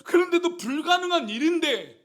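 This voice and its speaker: A male pastor preaching a sermon. He acts out the disciples' questions with rising emphasis and drops his voice low to read scripture aloud. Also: lively intonation, moderate pace, a bit bright.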